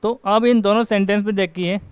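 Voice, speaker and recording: Man, grammar teacher, question-and-answer lecturing, slow reading of examples, dry sound. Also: sits high, fairly even intonation, smooth, no echo. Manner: asks the class questions and answers them himself; reads example sentences slowly. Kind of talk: classroom lecture. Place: coaching class.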